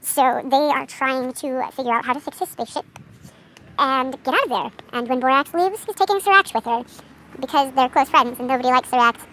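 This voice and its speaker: A woman's voice: high-pitched, a little fast, fairly bright tone, slight background noise. A young woman chatting casually and rambling as she shows her own character drawings, easily distracted. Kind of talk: casual chat.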